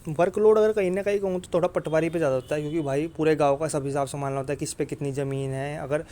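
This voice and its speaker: An exam coaching YouTuber from India with a North Indian accent gives an informal explainer straight to viewers. He is blunt and insistent, repeating points and checking that they follow. His slightly high, warm voice moves quickly with fairly even intonation.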